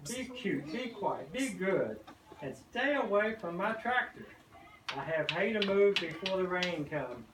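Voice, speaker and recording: A man's voice: high voice, lively intonation, unhurried. Scolding, grumbly old farmer, read by an older man in grandpa voice, storybook style, off-mic and noisy. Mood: stern, grumbling. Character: grumbling, stern male farmer scolding chicks. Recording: roomy, distant microphone, noisy background.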